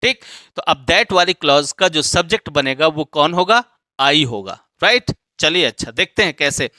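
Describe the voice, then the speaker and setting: A man's voice: a little high, lively intonation, moderate pace, sharp tone, dry recording. A man teaching English grammar, explaining step by step and checking often that students follow.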